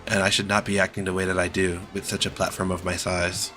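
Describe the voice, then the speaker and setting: A young man reading a somber scripted apology as an online creator, serious and measured, sometimes stumbling over his words. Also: low voice, completely flat delivery, sharp tone, faint music behind.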